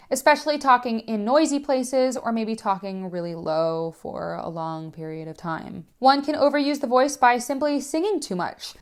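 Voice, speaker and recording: A young adult woman teaching a clear, upbeat lesson as a voice teacher. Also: a little high. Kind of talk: educational lesson.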